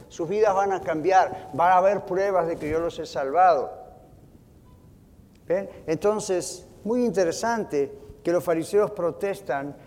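Pastor preaching, fairly high voice, earnest, church echo. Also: male voice. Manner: earnest preaching, slowing and softening for scripture quotes. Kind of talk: sermon. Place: church sanctuary.

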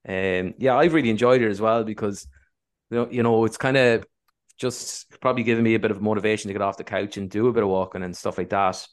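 Man, Irish accent, slightly low pitch, casual podcast chat, rambling, self-deprecating. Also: fairly even intonation, fast. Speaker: podcast co-host.

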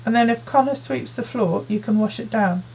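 A woman voicing a busy working mother who fusses and hands out chores in a brisk, nagging way, read as an audiobook character. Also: on the high side, gravelly, darkish tone, slight background noise, voice pushed up, poor audio. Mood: bossy. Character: busy, fussing working mother in her forties.

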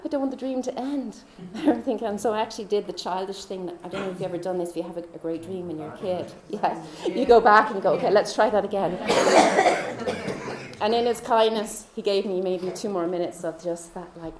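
A woman telling a personal faith story in a chatty way, laughing often and dropping into soft whispers. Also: medium pitch, steady tone, fast talker, hardly any pauses, reverberant, very noisy. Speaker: speaker.

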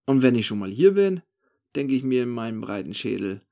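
A man's voice: mid-range voice, very animated, brisk, mellow. A man narrating a first-person story in a wry, conversational manner.

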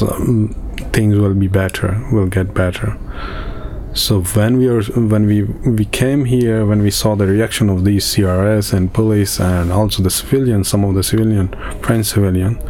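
A man from Afghanistan, giving halting personal testimony in an interview, with many pauses and restarts. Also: on the low side, warm tone, slight background noise. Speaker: interviewee, refugee in a camp.

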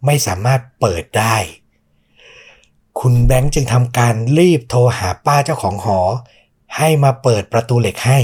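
A man's voice: medium pitch, normal speed, darkish tone, slightly rough. A man hosting a podcast, telling a true ghost story in a suspenseful, conversational way. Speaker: podcast host.

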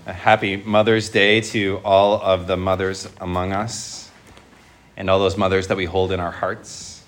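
Low-voiced male priest addressing a congregation. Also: little pitch movement, a little slow, fairly bright tone, slight background noise. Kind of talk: Gospel reading and homily to a congregation. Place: church, speaking before a congregation.

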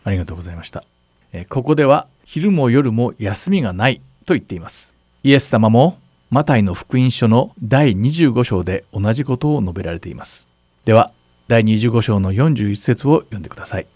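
Calm pastor man, dry close sound. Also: mid-range voice, fairly quick, dry recording. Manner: calm, explanatory, asks partner to read verses. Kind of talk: Bible Q&A teaching.

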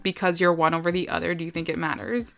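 A woman's voice: on the low side, flat delivery, fast, vocal fry, soft background music. A young woman from Canada, hosting a podcast in a casual, chatty way and often quoting people in mock voices. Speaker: podcast host. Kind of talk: casual chat.

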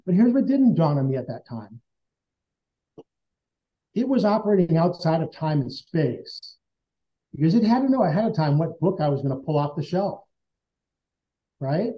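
A man's voice: fairly high pitch, very animated, normal speed, pauses often. A man being interviewed as a guest, telling a personal story in an earnest, conversational way and acting out remembered dialogue. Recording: dull lo-fi sound.

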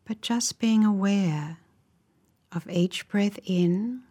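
Soft, breathy endings close each phrase as a woman in a mid-range voice guides listeners through a meditation. Her delivery is calm, measured and instructive.

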